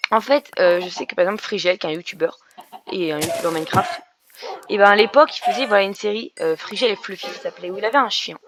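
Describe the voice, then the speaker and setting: A young woman who is a gaming YouTuber provides let's-play commentary on Minecraft, chatting and explaining as she plays with many fillers and restarts. Her voice is mid-range, and the background is noisy.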